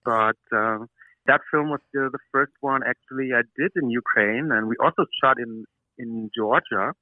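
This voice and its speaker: An Austrian actor with an Austrian German accent answers interview questions by phone in English, his second language, from a hotel room. His medium-pitched voice moves at normal speed, hesitant and full of fillers, over a tinny, dry phone line with no echo.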